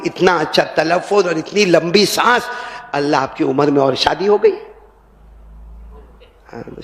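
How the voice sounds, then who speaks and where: Older preacher with a high gravelly voice. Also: male voice. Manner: storytelling, swings up to high impassioned calls and down to soft asides. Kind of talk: emotional Islamic sermon. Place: large mosque gathering. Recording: reverberant hall sound.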